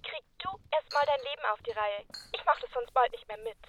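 Woman acting fed up girlfriend telling him off, high voice, swoopy, noisy background. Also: brisk, lightly acted. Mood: exasperated. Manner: scolding. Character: exasperated, reproachful girlfriend of a young man.

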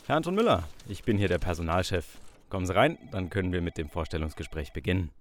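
A man's voice: sits low, animated, fast, background noise. A man playing a formal, businesslike personnel manager in a comedy sketch.

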